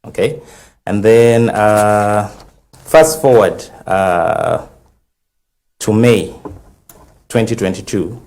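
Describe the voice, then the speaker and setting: A man with a Zambian English accent, speaking as legal counsel on a TV panel and methodically recounting a timeline with many pauses and fillers. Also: lowish voice, vocal fry, darkish tone. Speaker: legal counsel for a conservation group. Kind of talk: studio TV panel discussion.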